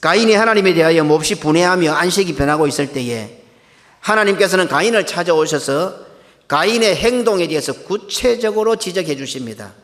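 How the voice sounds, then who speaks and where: A man's voice: on the high side, animated, a little fast, a bit bright. Emphatic male pastor preaching. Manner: emphatic, rhetorical questions to the congregation. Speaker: senior pastor. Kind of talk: sermon. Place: church sanctuary. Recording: long church hall reverb.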